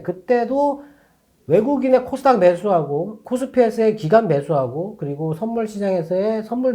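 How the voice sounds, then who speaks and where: A man's voice: high-pitched, warm tone. A man working as a stock market analyst explains the day's trading on a finance show, reasoning aloud and often restarting or repeating phrases.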